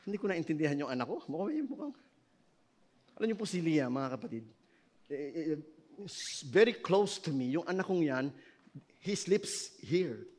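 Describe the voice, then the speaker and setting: This is a middle-aged man with a Filipino accent delivering a sermon to his congregation. His voice sits high for a man. He swings between ringing emphasis and soft, personal asides. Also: sing-song, moderate pace, pauses often. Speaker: pastor.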